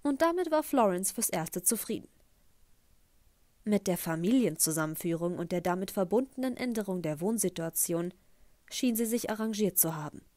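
A woman narrating a first-person audiobook in a measured, even storytelling manner. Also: medium pitch, no room sound. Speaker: audiobook reader.

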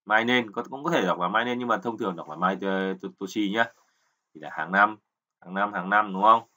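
A man's voice: lowish voice, brisk, bright, forceful tone. A man teaching kanji, patiently explaining and repeating words, often checking with learners. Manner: keeps asking "right?" to check learners. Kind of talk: explanatory lesson.

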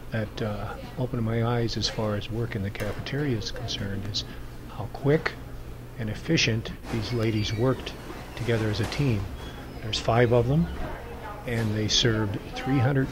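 A Midwestern man with a lowish voice tells his story as a news reporter, in a plain and measured way with many pauses. A steady hiss of noise sits under the voice-over. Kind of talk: recorded voice-over narration.

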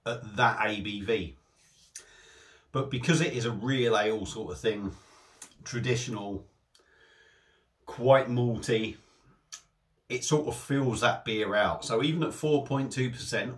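Speaking in a fairly low voice, a man casually reviews a beer for a desk webcam in a small room at home. He's chatty and tends to restart his phrases.

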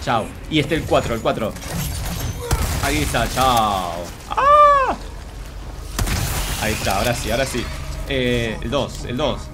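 Over loud music, a gaming streamer with a mid-range voice talks at a moderate pace in Rioplatense Argentine Spanish. His let's play commentary is self-directed and viewer-directed chatter, full of repeated phrases and feminine self-reference.

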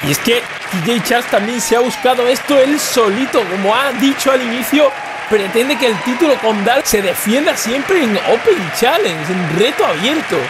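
A man commentates on live wrestling. His voice is very high-pitched. The crowd and noise of the hall are clearly heard behind him. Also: expressive, normal speed. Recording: noisy sports hall with crowd.

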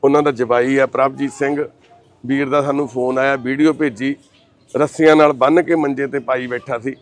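A man's voice: medium pitch, fairly even intonation. A man speaking as a social worker, comforting a family and addressing his viewers with reassuring, fatherly words. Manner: warm, reassuring, calls others son and sister; recites prayer in a slow chanting voice. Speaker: social worker hosting the channel. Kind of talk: comforting talk and appeal to viewers.

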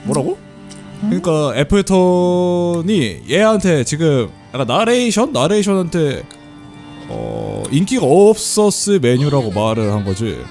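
Male game streamer, animated delivery, chatty and laughing, faint game music behind. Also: a little high, a little slow. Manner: chatty, laughs often, reads game text aloud. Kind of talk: casual let's play commentary.

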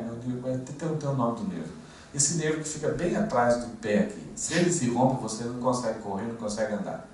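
A man, preaching an expository sermon in a casual, storytelling way with frequent fillers and restarts. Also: on the low side. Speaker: pastor. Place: church hall. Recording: echoey room, distant mic, faint noise.

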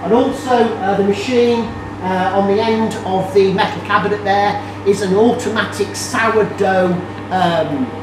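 A man's voice: high voice, measured pace, hardly any pauses. A middle-aged man giving a guided tour of a bakery as instructor, explaining the equipment with fillers and restarts. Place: large industrial bakery kitchen, indoors. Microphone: camera mic from a distance. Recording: echoey kitchen, distant mic, noisy.

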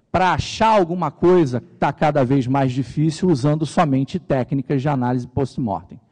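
A middle-aged man from Rio de Janeiro with a Carioca accent gives a technical conference talk on stage, relaxed and jokey, asking and answering his own questions. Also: on the high side. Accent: Carioca Brazilian Portuguese. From Rio de Janeiro, Brazil. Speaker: conference speaker. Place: large conference hall stage. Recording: reverberant large hall.

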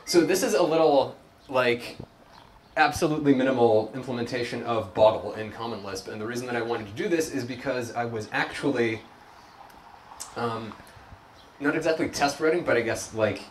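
A man's voice: medium pitch, normal speed. A young man giving a casual live demo talk at a tech meetup, rambling and self-deprecating with lots of ums and restarts. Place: meeting room at a hack night. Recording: echoey room, distant mic, faint noise.

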